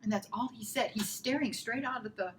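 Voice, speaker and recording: A woman's voice: on the high side, a little fast, slight background noise, low-quality recording. A woman telling a personal faith testimony in a casual way, stammering and acting out the voices of her story. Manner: animated, acts out quoted dialogue, stammers and repeats herself.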